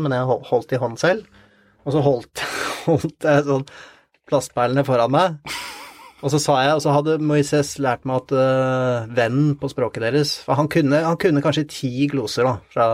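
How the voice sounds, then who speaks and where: A man telling a story in an interview, halting and repeating words with many fillers. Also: mid-range voice, no echo, studio quality. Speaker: interview guest. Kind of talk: conversational storytelling.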